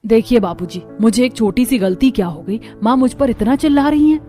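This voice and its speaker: A woman voicing a sharp-tongued young daughter-in-law in an animated story. She talks back loudly and quickly. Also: fairly high pitch, faint music behind, lightly acted. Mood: indignant.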